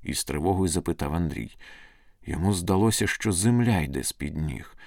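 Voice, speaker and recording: A man narrating a storybook in a scripted, expressive, dramatic reading. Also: sits low, moderate pace, vocal fry, no room sound, studio quality.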